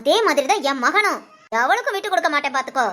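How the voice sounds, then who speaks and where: A woman's voice: sits high, animated, fast, sharp tone, faint music behind. A woman voicing a bossy, scheming older mother-in-law in a cartoon, nagging and scolding, with Tamil village speech. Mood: grumbling. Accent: Tamil Nadu village speech.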